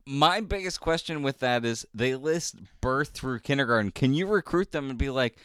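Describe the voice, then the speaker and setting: A man's voice: medium pitch, animated, moderate pace, a bit bright, clear, resonant tone, dry recording, studio quality. A man co-hosting a comedy podcast, swearing and wisecracking in casual banter. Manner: profane, wisecracking.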